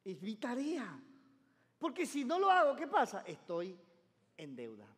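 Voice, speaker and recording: High-voiced emphatic pastor preaching. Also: male voice, wildly swooping pitch, unhurried, fairly bright tone. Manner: emphatic, calls congregation to repeat phrases. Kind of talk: sermon. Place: church sanctuary. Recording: long church reverb.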